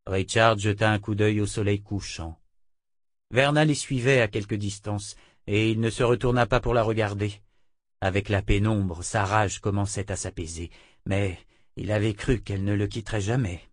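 A man narrating a fantasy novel in a measured, dramatic reading. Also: lowish voice, steady tone, no room sound, studio quality. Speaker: audiobook narrator.

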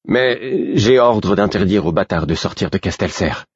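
A man's voice: lowish voice, lively intonation, unhurried, husky, lo-fi sound, voice pushed up, heavily acted. A man voicing a nervous young castle guard who stammers but holds stubbornly to his orders.

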